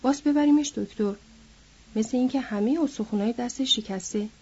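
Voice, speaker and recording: A woman reading a calm, respected ranch man. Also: on the high side, husky, highs cut off.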